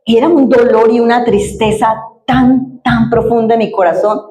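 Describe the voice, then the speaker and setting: A woman pastor preaches in a fairly high voice. She tells her story earnestly and acts out the dialogue. The sound bounces around a roomy church hall. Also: steady tone, normal speed, dark tone. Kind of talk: sermon.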